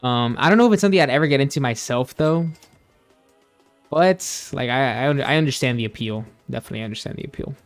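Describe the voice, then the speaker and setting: A man's voice: medium pitch, fast, faint music behind. Laid-back young male streamer chatting. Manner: rambling, laid-back, many fillers and restarts. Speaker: gaming streamer. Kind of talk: casual chat while gaming, reading chat.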